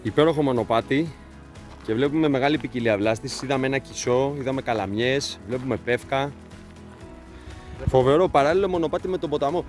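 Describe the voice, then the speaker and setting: A man's voice: medium pitch, darkish tone, faint music behind. A young man casually narrating a hike on a forest trail to his viewers, joking and explaining the route as he walks, recorded on a camera mic outdoors. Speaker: vlogger leading a hike. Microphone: handheld camera mic.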